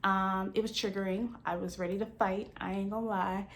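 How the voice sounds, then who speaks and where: A woman's voice: medium pitch, little pitch movement, a little fast, slight background noise. A woman in her early forties talking candidly and casually to camera as a vlogger, her speech slightly slurred by the retainers she is wearing. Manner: candid, conversational. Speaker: YouTube lifestyle vlogger. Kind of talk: casual personal talk to camera.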